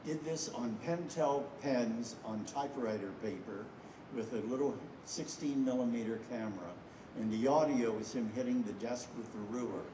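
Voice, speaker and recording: An older man, a filmmaker, introducing a screening to an audience with rambling anecdotes and frequent pauses. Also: mid-range voice, noisy background. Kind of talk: storytelling speech to an audience. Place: festival screening hall. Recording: echoey hall, from far off.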